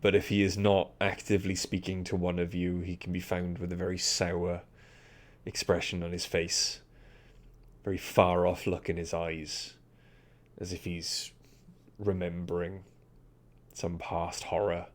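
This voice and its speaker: A man's voice: deep voice, monotone, unhurried. A man narrating and running a tabletop role-playing game as its game master.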